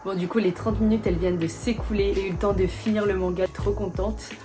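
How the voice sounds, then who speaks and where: A young woman talks straight to her viewers in a relaxed vlog, chatty and self-mocking. She exclaims easily and keeps an even, mid-height voice. Light music sits faintly under her. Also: medium pitch, brisk. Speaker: vlogger. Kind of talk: casual vlog chat.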